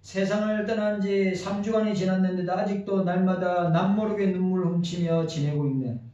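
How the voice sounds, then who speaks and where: A male pastor reading a heartfelt eulogy letter aloud during a church sermon, slow and earnest. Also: high voice, mellow. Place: church sanctuary. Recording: echoey church hall from a distant mic, dull.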